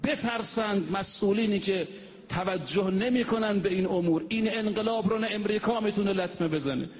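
A high-pitched male preacher delivers a sermon in a mosque. He declaims his points and slows down to intone Arabic quotations. The voice rings out with a long hall reverb.

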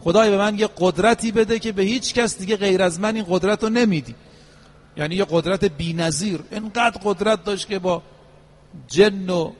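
A man preaching a sermon, telling stories and chanting Arabic verses slowly. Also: sits high. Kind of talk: religious sermon with storytelling. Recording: long hall reverb.

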